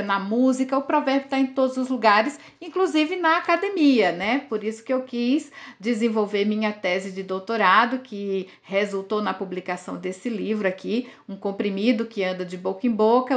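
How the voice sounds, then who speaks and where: High-voiced woman professor. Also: a bit bright. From Campina Grande, Paraíba, Northeast Brazil. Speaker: guest linguistics professor. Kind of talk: podcast interview.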